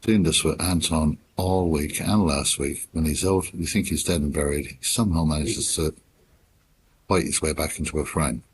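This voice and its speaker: A man commentating on sport in a hushed, unhurried golf-commentator manner, with measured, sparse phrases and long pauses. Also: rumbling low, steady tone, a little hiss or hum, rough recording. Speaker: snooker commentator.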